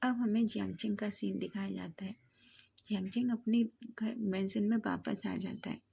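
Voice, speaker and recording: A woman narrating a fan fiction love story aloud in steady storytelling. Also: mid-range voice, normal speed, creaky, husky.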